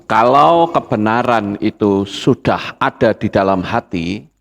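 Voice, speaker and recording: Brief: lowish male pastor, earnest sermon delivery, faint background noise. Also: animated, measured pace, vocal fry. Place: church hall.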